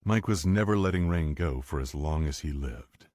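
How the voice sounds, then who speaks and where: A man reading an audiobook romance in a steady, unhurried narration. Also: extremely low pitch, no room sound, clean studio sound. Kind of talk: scripted narration.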